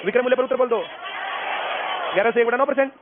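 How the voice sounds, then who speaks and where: A man's voice: extremely high pitch, steady tone, very fast, over a noisy crowd. A man teaching a maths class. He keeps asking the students whether they have understood. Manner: drilling, asks students if they understood again and again. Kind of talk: classroom lecture. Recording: lo-fi phone-like sound, classroom noise behind.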